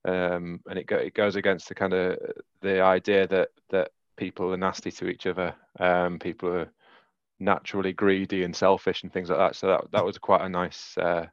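A man's voice: sits low, level tone, normal speed, clean tone, no echo, highs cut off. A man with a Yorkshire accent chatting casually as a podcast co-host, rambling through his picks with many fillers and bursts of laughter. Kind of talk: casual chat.

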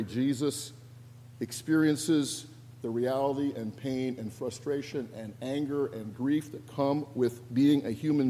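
A man preaching a sermon as pastor, telling stories with animated quoted voices and touches of humor. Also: mid-range voice. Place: church sanctuary. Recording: long reverb of a church sanctuary.

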